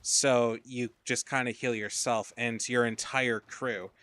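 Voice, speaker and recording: A man talks through his gameplay in loose, wandering commentary, with plenty of casual swearing. His voice has a bright, forward edge, and he sounds tired. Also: medium pitch, flat delivery, takes it slowly. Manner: rambling, profane, drowsy asides. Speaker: game streamer.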